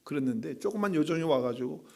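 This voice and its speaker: A pastor delivers a sermon in a slightly higher-than-usual male voice. He keeps asking his listeners questions and answering them himself. His delivery swings from loud, emphatic lines to quiet, hushed asides. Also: fast, vocal fry. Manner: asks the congregation rhetorical questions; animated, swings between loud and soft.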